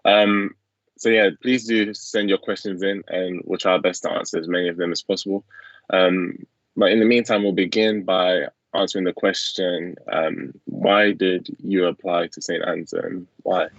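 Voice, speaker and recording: A young Englishman hosts a casual student Q&A over a video call from a small room at home, speaking at a moderate pace in a relaxed, low-key way with fillers. His laptop webcam mic gives dry, dull, lo-fi call audio.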